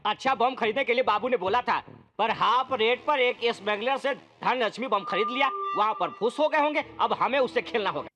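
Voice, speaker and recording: A man's voice: very high-pitched, brisk, over music. A man dubbing a grumbling henchman. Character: grumbling male henchman, complaining. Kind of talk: Hindi film dub.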